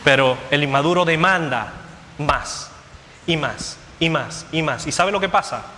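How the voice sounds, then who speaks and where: A man's voice: fairly high pitch, a little slow, sharp tone, long reverb tail, a little hiss or hum. A man preaching a sermon as pastor, driving his points home with an emphatic, repetitive cadence. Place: church hall.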